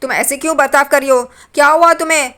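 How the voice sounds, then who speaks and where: A woman's voice: high voice, steady tone, fast talker, pushed and bright. A woman voicing a jittery young husband who is scared of ghosts, asking anxious questions. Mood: panicky.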